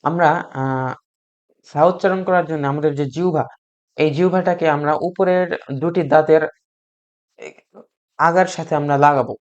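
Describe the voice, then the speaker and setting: A man teaching beginners to read Arabic letters, patient and repeating each sound slowly for learners to copy, with frequent hesitant fillers. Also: a little high, steady tone, muffled recording. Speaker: Quran reading teacher.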